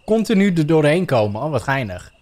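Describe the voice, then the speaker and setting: A man's voice: fairly high pitch, sing-song, a little fast, a little mellow. A young Dutch man streaming a game live, chatting casually and reading on-screen text aloud with jokey asides. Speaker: gaming streamer. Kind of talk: live let's play commentary.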